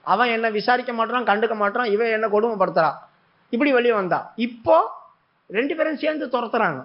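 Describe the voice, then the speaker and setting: High pitched guy giving a sermon, acts out the prayers, dialect, muffled recording. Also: quick pace. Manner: dramatic, acts out prayers and God's replies. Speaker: preacher.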